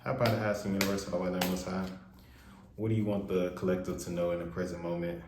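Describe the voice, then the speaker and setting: A man giving a casual spiritual tarot reading in a loose, rambling way with a naturally monotone voice, his words washed in heavy room reverb. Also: deep voice, quick pace. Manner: loose, rambling, with many fillers. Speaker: tarot reader. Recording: echoey untreated room, faint noise.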